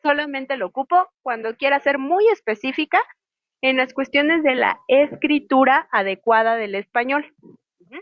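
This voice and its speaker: A woman's voice: sits high, lively intonation, normal speed, no echo. A woman teaching sign language in an online class, explaining patiently and spelling out letters one by one. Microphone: video call microphone. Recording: muffled lo-fi video call audio.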